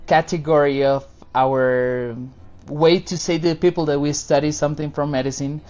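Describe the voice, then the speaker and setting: A man's voice: a little high, steady tone, moderate pace, darkish tone, highs cut off. A man, a guest chatting casually and informally about his work. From Costa Rica. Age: 20s. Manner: friendly, informal, loose non-native phrasing. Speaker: podcast guest, dentist. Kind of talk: casual interview answers.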